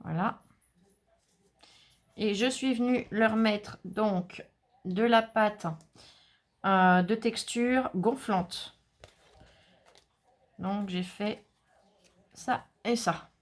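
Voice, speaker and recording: A woman's voice: medium pitch, very slow, long pauses. A woman hosting a casual crafting tutorial, chatting to viewers with many fillers and asides while she works. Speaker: craft channel host.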